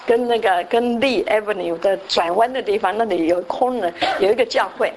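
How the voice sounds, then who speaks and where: A woman's voice: medium pitch, brisk, noisy background. A woman giving a sermon, telling a story and often slipping in English words. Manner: frequent "好" fillers and restarts. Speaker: church speaker.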